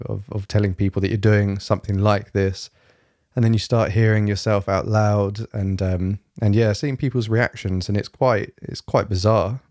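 A young man with a fairly low pitch and a slightly rough throat hosts a casual solo podcast from a quiet room at home in the evening. He rambles in a fairly monotone way, full of fillers and restarts, and the recording is studio quality with no echo.

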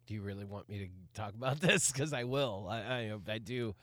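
A man's voice: fairly low pitch, brisk, fairly bright tone, no echo. A man co-hosting a casual podcast, chiming in with wry, joking asides. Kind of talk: casual chat.

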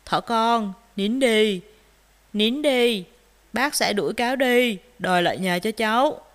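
A woman voicing a big, kindly old male bear in a children's story, dropping her voice lower. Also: slow pace, big-room sound. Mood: gentle. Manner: lowered voice, gentle and then roaring.

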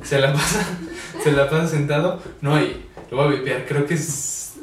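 A man's voice: a little high, moderate pace, crowd noise. A young Mexican man chatting casually and telling a story in a blunt way, swearing freely. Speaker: podcast co-host. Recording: roomy, distant mic, light noise.

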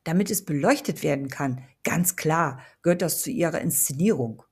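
A woman voicing a brash, excitable young man who talks loudly in slang. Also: low-pitched, normal speed, slightly rough, full character voice. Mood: excited.

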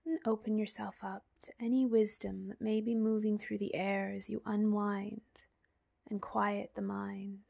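Slow, hushed woman guiding sleepy relaxation. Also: mid-range voice, flat delivery. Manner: soft, breathy, half-whispered delivery with long pauses. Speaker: guided meditation narrator. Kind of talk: soothing guided relaxation narration, like a sleep story.

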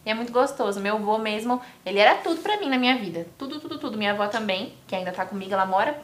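A woman's voice: mid-range voice, expressive, very fast, reverberant. A Brazilian woman hosting a podcast, chatty and openly emotional as she talks with guests. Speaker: podcast host. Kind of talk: casual interview chat.

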